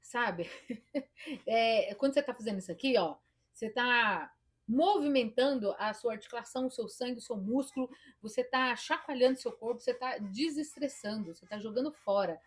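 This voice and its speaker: A woman's voice: fairly high pitch, normal speed, husky. A woman therapist with a Brazilian Portuguese accent giving emphatic, demonstrative advice straight to the viewer. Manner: emphatic, demonstrative, quotes her own inner voice. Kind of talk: direct-to-camera advice talk.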